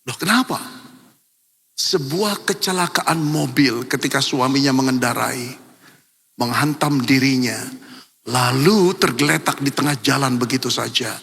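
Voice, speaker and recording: An older man preaching a sermon as pastor, telling a story and moving between hushed and emphatic passages. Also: medium pitch, a little slow, gravelly, husky. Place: large church hall. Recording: long church hall reverb.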